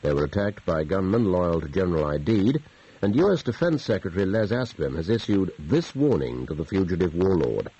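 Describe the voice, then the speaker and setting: A man's voice: sits low, very animated, warm tone, husky. A man reading a formal morning news bulletin, heard as a dull, tinny broadcast from a clock radio. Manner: measured, formal news delivery. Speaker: radio newsreader.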